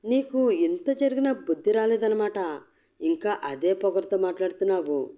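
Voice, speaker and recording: A woman voicing an angry, arrogant young husband who shouts and sneers. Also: mid-range voice, normal speed, natural voice. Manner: shouting, contemptuous. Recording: dull lo-fi recording.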